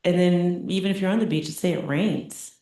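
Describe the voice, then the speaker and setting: This relaxed meditation teacher speaks fairly quickly in a low, dusky voice, giving a conversational dharma talk. She often checks in with her audience and lets out light laughs between points, all echoing through a very reverberant room.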